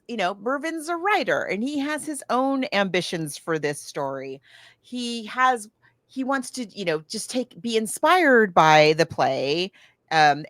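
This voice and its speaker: Her voice sits on the high side and sounds a bit bright as this American podcast co-host chats about a film, retelling it and performing quoted lines along the way. The recording is dry.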